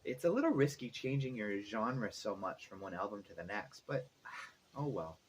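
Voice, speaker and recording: With a fairly low, sing-song voice at a normal pace, a middle-aged man who vlogs and makes music talks casually, wandering from thought to thought out loud. Background noise and ambience are clearly audible.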